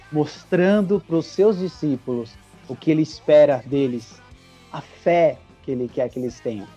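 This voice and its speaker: A Brazilian man retells a Bible scene vividly, urging the listener to picture it. His voice is high, husky and mellow. The recording is dull and lo-fi, with faint music behind. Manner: vivid storytelling, says "imagina a cena". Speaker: Bible study podcast co-host. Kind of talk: casual Bible teaching chat. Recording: dull lo-fi sound.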